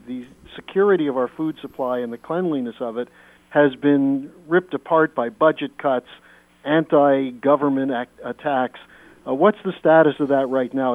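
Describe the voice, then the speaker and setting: A male radio host asking a guest measured, lengthy questions. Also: medium pitch, no echo. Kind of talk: radio interview. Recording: tinny phone-like radio line.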